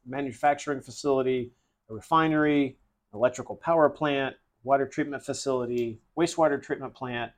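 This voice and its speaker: Man hosting a casual podcast. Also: medium pitch. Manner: explanatory, steady, with filler uhs. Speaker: podcast host.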